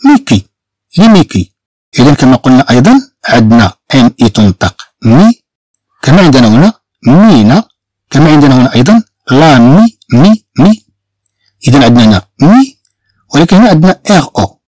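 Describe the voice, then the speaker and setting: A Moroccan man gives a beginner lesson in a dry, close voice-over with no room sound. His pitch rises and falls in lively swings as he says each word slowly, then repeats it two or three times so learners can copy him. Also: dry recording. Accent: Moroccan Arabic. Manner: slow, repeats each word several times to drill pronunciation. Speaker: French teacher.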